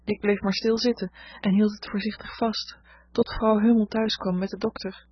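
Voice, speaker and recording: Woman doing a shy sweet girl, soft and calm, husky, dull recording. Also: mid-range voice, moderate pace, dry recording, close to an everyday voice. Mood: quiet. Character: gentle shy young girl falling ill.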